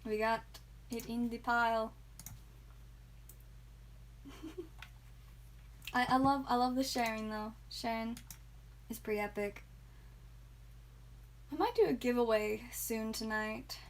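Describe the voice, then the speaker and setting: A woman's voice: fairly high pitch, fairly even intonation, slow, long pauses. A woman hosting a live card-opening stream, chatting and giggling with viewers, tired and a bit loopy. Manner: chatty, giggly, talks to chat viewers by name. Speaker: livestream card seller and host.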